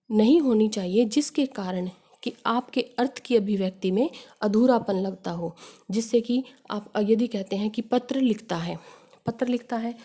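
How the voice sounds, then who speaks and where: A woman's voice: on the high side, warm tone. A woman teacher explaining grammar step by step, working through examples and asking rhetorical questions. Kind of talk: Hindi grammar lesson.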